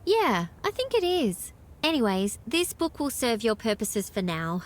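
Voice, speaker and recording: Voicing a small-town woman for a video game, an Australian-accented actress sounds friendly, earnest, and knowledgeable as she chats and explains. Her voice is a little high and very animated, yet delivered at a measured pace.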